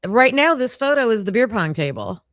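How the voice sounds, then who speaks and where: A woman hosting a casual livestream case discussion, talking in a halting way with many fillers and frequent laughs. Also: a little high, big pitch swings, a bit bright, no room sound, clean studio sound. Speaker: livestream host.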